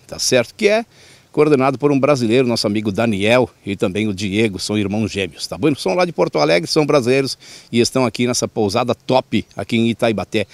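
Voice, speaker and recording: Male host, enthusiastic presenter, mid-pitched, dry close sound. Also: no echo. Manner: chatty, enthusiastic, lots of tag questions. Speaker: TV show host. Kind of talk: upbeat presenter address.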